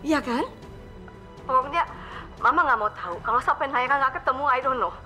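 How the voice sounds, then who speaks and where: A woman's voice: high voice, a little fast, bright, forceful tone. An actress playing a wealthy mother in a panic over her missing daughter, dramatic, dropping English exclamations into her lines. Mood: accusing. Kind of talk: TV drama acting. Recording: faint music underneath.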